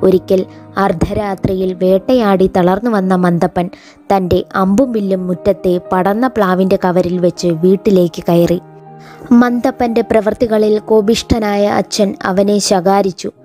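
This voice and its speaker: A woman teacher reading a folk tale from a school lesson aloud in a measured storytelling way. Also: medium pitch, steady tone, dark tone, faint music behind.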